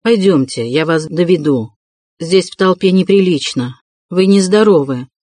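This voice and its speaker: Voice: medium pitch, moderate pace, darkish tone, no room sound, lightly acted. A reader voicing a polite, deferential male official in an audiobook reading. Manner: soothing, deferential.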